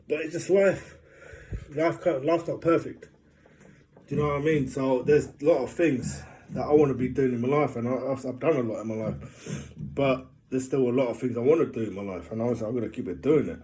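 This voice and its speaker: A man chats loosely to his camera, upbeat and jokey. His voice is mellow and warm. He rambles and fills his talk with fillers. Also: mid-range voice. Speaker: vlogger. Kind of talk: casual vlog monologue.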